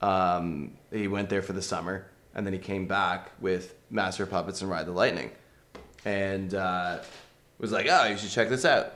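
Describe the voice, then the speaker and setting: A man's voice: low-pitched, level tone, a little slow, fairly bright tone. A man in a band telling a story in a casual chat, joking as he goes. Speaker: band member. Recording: echoey room.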